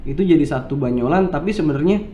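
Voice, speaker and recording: A man's voice: on the high side, animated, fast, warm tone, lo-fi sound, slight background noise. A man from Java hosting a casual chat interview, joking in slangy talk and laughing often. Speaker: host.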